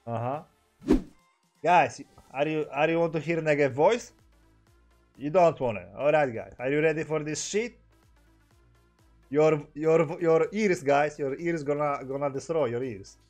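A young man with a Polish accent telling stories in a casual vlog, animated and jumping between his own language and broken English, with sudden loud exclamations. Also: fairly high pitch, takes it slowly, pauses often, soft background music. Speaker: gaming streamer vlogger.

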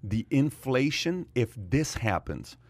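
A man in his forties hosts a studio podcast, pressing each point by saying it again and again. His voice sits in a middle pitch. The sound is dry and close, with no room echo. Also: big pitch swings, takes it slowly. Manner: emphatic, repeats phrases, talks with his hands. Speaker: podcast host. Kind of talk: animated casual discussion. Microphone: studio mic on boom arm, wearing headphones.

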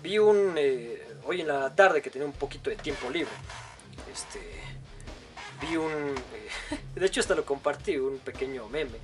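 Young mexican guy ranting casually, swears a lot, jokes around, voice sits a bit high. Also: lively intonation, measured pace, faint music behind. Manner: crude, joking and swearing. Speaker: video commentator. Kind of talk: casual reaction commentary.

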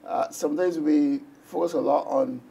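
Gravelly-voiced reverend, mellow and warm. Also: male voice, fairly high pitch, fairly even intonation, moderate pace, a little hiss or hum. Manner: conversational, searching for words. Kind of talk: church television talk on journaling.

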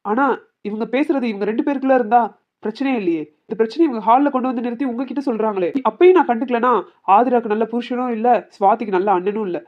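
A woman voicing a calm, firm young husband in a cartoon family drama, questioning the others. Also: a little high, fast talker, close to an everyday voice. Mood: reasoning. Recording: dull lo-fi audio.

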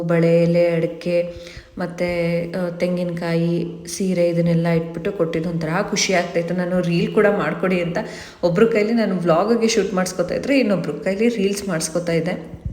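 A woman's voice: on the low side, darkish tone. Woman, 30s, from Mysuru, family vlogger, chatty rambling talk, roomy echo. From Mysuru, India. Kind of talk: casual vlog narration. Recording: echoey, reverberant room.

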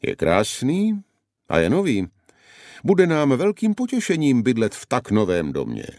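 A man's voice: mid-range voice, huge pitch swings, darkish tone, no room sound, studio quality, pitched above the performer's own voice. A man voicing a proud young knight in an audiobook, firm and commanding. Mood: cheerful. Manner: firm, demanding. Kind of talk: audiobook character voice.

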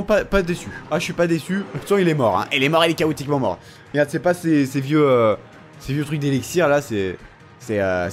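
A young man giving casual commentary over a mobile game. He teases his opponent as he plays, and his throat is sore and strained. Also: fairly high pitch. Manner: animated, teasing, talks to his opponent. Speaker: gaming video creator. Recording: faint music underneath.

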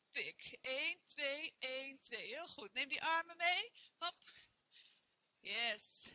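With a high, sharp voice and no echo, a young fitness trainer guides her class through a workout in a bare indoor room, counting repetitions and cheering everyone on while exercising along.

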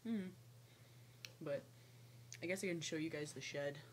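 Young woman, low voice, slow rambling delivery, casual pet vlog, slightly noisy webcam recording. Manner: rambling, breaking off to coo at her pet. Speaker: pet snake owner vlogging. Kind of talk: casual vlog chat to camera. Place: small lamp-lit room at home. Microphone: webcam or laptop mic at arm's length. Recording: noisy home webcam audio.

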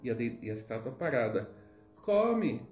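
A man's voice: medium pitch, expressive, moderate pace, warm tone. Chatty Brazilian man teaching with stories. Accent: Brazilian Portuguese. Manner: chatty, digressive, frequent tag questions. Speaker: spiritual teacher. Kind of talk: informal teaching with storytelling. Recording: roomy echo, faint music.

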